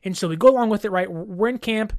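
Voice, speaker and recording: Casting: sports commentator, mid-pitched voice, casual and conversational solo talk with rhetorical check-ins, dry close mic. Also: fast talker, no echo. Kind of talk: casual football commentary monologue.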